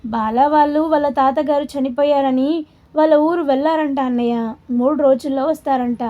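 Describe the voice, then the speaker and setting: A woman voicing a calm younger brother who reassures his older brother. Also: extremely high pitch, normal speed, phone-quality sound. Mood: reassuring.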